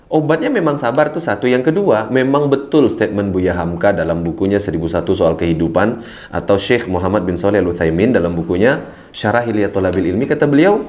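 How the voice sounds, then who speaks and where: A man speaking as a guest preacher, telling his story in an animated way, swinging between low murmurs and excited high bursts and laughing as he goes. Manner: laughs while telling stories. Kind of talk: storytelling interview talk.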